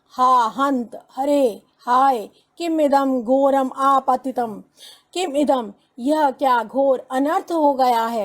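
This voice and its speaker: Slow, high-voiced woman teaching Sanskrit. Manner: reads a Sanskrit line, then explains it slowly in Hindi, addressing students as children. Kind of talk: line-by-line Sanskrit translation lesson.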